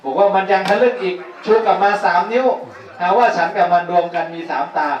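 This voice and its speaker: Fuming one-eyed young monk for a storybook read-aloud, played by a man, slow and emphatic, raised pitch, echoey room, mic far away. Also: muffled recording, a little hiss or hum, lightly acted. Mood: indignant.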